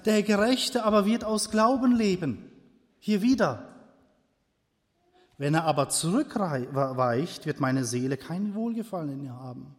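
A man preaching a sermon and reading Bible verses, with loud emphatic bursts that drop into quiet, low asides. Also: in a large hall.

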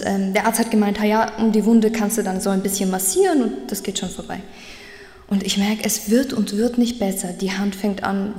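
A woman's voice: medium pitch, warm tone. A woman sharing a personal faith testimony in an earnest, reflective way. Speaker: medical practice assistant sharing a faith testimony. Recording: echoey room with long reverb.

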